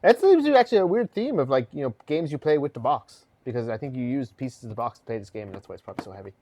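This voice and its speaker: A man's voice: medium pitch, lively intonation, rapid-fire, mellow, slight background noise. A man co-hosting a podcast, chatting playfully about board games and stumbling as he reads product blurbs aloud. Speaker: podcast co-host.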